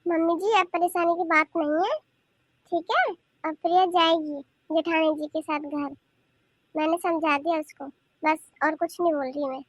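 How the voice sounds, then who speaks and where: A sly young cartoon aunt coaxes the family in a sweet, soft-spoken high voice, as a woman voices her. The recording is dry and close. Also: steady tone, moderate pace, no echo. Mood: coaxing. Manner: sweet, coaxing, conspiratorial. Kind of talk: cartoon voice acting.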